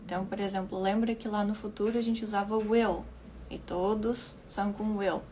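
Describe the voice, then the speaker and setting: A woman English teacher giving an online lesson, explaining patiently, repeating words slowly for pronunciation and often checking in with her listeners. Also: medium pitch, steady tone, mellow, slight background noise.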